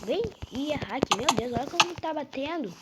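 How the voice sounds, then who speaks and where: A woman's voice: sits high, expressive, normal speed. Impatient Brazilian woman narrating gameplay. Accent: Brazilian Portuguese. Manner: impatient, repeats urging words. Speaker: gameplay youtuber. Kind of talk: live gameplay commentary. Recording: loud background noise.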